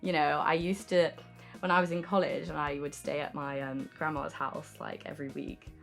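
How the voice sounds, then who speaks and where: A woman's voice: low voice, flat delivery, moderate pace, gravelly. A young adult woman talking frankly and informally in an interview as an artist, often saying "like" and "um". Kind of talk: candid casual interview talk. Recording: music playing behind the voice. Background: music.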